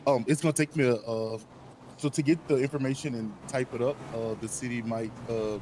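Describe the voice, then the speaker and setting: A young man in a game role-play, speaking as a sheriff's deputy at a middle pitch. He stumbles through his sentences with plenty of ums and likes. Clear game noise and traffic sound behind him. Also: steady tone, brisk, a little mellow. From Baltimore. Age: young adult. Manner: hesitant, full of ums and likes.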